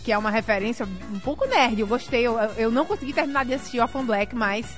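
A woman hosting a live-streamed interview, chatting lively and reading out viewer messages. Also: a little high, fast talker, soft background music. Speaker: interview host.

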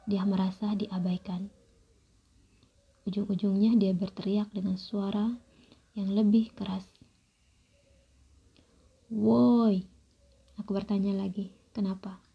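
Young woman narrator, breathy near-whisper, dull lo-fi recording. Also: mid-range voice. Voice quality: breathy, husky. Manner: soft, calm and measured, near-whispered. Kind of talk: first-person storytelling.

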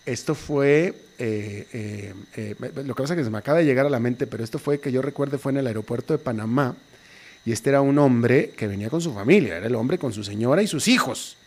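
A man from Mexico hosting a radio show, chatting easily and telling stories from his own life. His voice sits in a middle pitch, and he falls back on repeated affirmations. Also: brisk. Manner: storytelling, repeats "definitivamente". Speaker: radio host. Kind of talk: casual chat.

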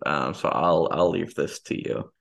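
A man's voice: extremely low pitch, measured pace, vocal fry, a bit bright. A man co-hosting a podcast, chatting casually and dropping dry jokes. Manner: dry joking asides. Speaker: podcast co-host. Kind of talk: casual chat.

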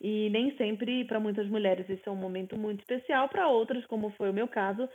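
A woman's voice: medium pitch, brisk. A woman co-hosting a podcast from home, talking in a reflective, earnest way. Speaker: podcast co-host. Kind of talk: casual chat. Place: at home in the United States. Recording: tinny phone-like line.

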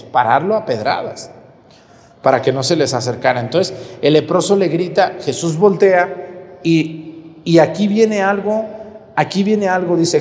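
A man's voice: high voice, darkish tone. A man with a Mexican accent, a priest giving a sermon who keeps turning to ask the congregation direct questions. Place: church. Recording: reverberant church hall.

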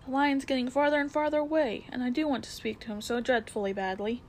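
A woman voicing an eager young boy, breathless and pleading, higher than her own voice. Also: steady tone, fast, darkish tone, a little hiss or hum.

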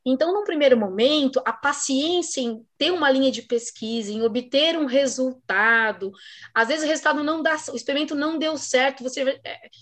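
Brazilian professor, middle-aged woman, high voice, lively casual podcast talk. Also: fairly quick. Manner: animated, acts out quoted voices. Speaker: research supervisor and professor.

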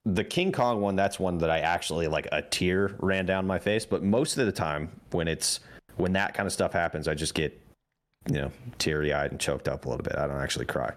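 A man's voice: low-pitched, a little fast. A man co-hosting a podcast, talking bluntly and casually with lots of swearing. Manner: blunt, profane, laid-back. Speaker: podcast co-host.

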